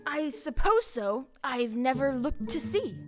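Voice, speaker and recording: A woman's voice: high voice, very animated, takes it slowly, over music, exaggerated voice. A woman playing a big cowardly lion, plaintive and self-pitying, in a stage audio play. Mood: gloomy, self-pitying.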